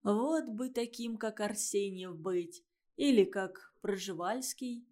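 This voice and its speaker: A woman's voice: medium pitch, slow pace, lightly acted. A thoughtful, dreamy schoolboy, as a woman reads him. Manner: thoughtful, quiet.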